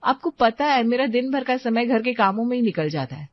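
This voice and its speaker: A woman's voice: fairly high pitch, animated, fairly quick, no echo, lightly acted. A woman voicing a sweet but distracted young wife in a cartoon, chatty and pleading. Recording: dry, slightly dull lo-fi sound.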